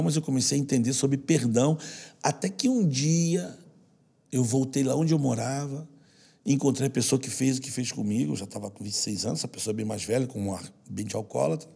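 A man's voice: medium pitch, vocal fry, dark tone, husky. A man with a Brazilian Portuguese accent, a guest in an interview telling personal stories in an earnest, slangy way. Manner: earnest, slangy, repeats for stress. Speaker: guest who works with children. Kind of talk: emotional interview storytelling.

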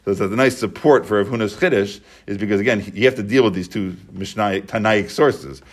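Man, Talmud teacher, low voice, patient step-by-step explaining. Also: fairly quick. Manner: explains step by step, repeats and restates points.

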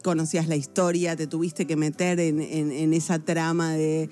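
A man with an Argentine accent hosting an interview, with quick short interjections. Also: a little high, level tone, mellow, soft background music. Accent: Argentine Spanish. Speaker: radio host.

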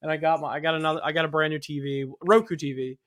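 A man's voice: fairly high pitch, steady tone, racing, fairly bright tone. A man chatting casually on a podcast, rambling and repeating himself as he talks about losing his sense of smell. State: recovering from covid, no smell. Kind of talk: casual chat.

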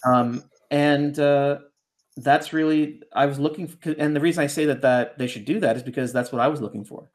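A man's voice: a little high, steady tone, normal speed. A man raised in Canada, a ghostwriter talking as a podcast guest, reflective and winding, often checking in with "right?". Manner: reflective, rambling, keeps asking "right?". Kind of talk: casual podcast conversation.

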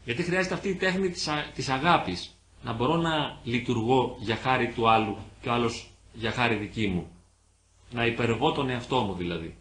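A man giving an earnest, gentle pastoral talk on marriage and family in a church, answering audience questions with everyday examples. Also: mid-range voice. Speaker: invited speaker on marriage.

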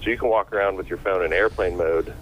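A man's voice: sits low, quick pace. A man heard over a phone line, explaining a topic patiently, step by step. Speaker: guest expert. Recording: dull phone line, faint noise.

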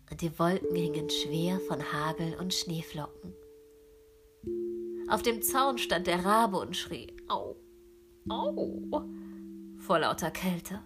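Slow, gentle woman reading a fairy tale. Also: fairly low pitch. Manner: slow and gentle, often dropping to a whisper. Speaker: storyteller. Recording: with music behind.

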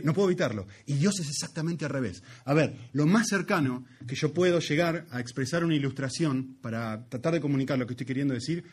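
A male preacher delivers a sermon in a slightly husky, fairly high voice. He drives points home by repeating phrases, rising to loud emphasis and then dropping to quiet asides.

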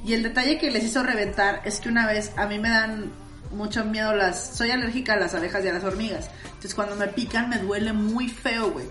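A woman's voice: mid-range voice, steady tone, brisk, echoey room, loud music behind the voice. A young Mexican woman co-hosting a podcast, telling school stories in a slangy, candid, laughing way. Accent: Mexican Spanish. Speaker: podcast co-host. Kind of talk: casual storytelling chat.

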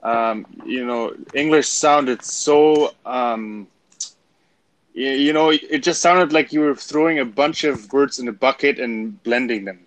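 A man from Germany in a casual chat, friendly and encouraging, sometimes halting. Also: mid-range voice, dry recording.

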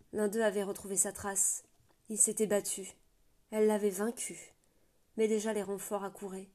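Audiobook narrator, woman, mellow and dark in tone, steady fantasy storytelling with occasional restarts. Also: medium pitch. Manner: steady, with small slips and restarts.

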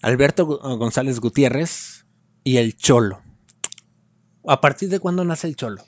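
A man's voice: mid-range voice, expressive, unhurried, no room sound. A man interviewing a guest on a podcast, asking short and plain questions. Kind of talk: casual interview.

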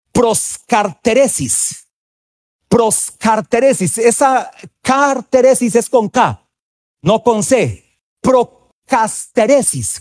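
Male pastor, very high voice, impassioned preaching, slow stressed words, sudden shouts. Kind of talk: sermon.

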